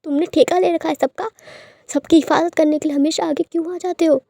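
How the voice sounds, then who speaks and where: Woman doing a furious young guy yelling at his lover, storybook, high and loud. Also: normal speed, no room sound, studio quality. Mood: angry scolding. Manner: shouting, frustrated, scolding. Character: angry young man scolding his beloved.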